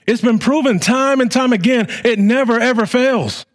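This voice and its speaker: A middle-aged man preaching a sermon as pastor, with a fervent, repetitive cadence that swells loud and drops to quiet. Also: very high voice, moderate pace.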